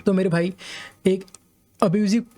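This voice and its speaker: Indian man, English teacher with an Indian accent, mellow tone, measured and repetitive delivery. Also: high voice, fairly even intonation. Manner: measured, repeats points, reads English slowly. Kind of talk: explaining to viewers, reading passages aloud.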